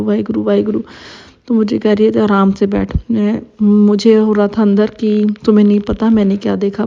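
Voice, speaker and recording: A woman's voice: mid-range voice, gravelly, warm tone. A woman, telling a personal devotional testimony in an emotional, hesitant way with many fillers. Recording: dull lo-fi recording.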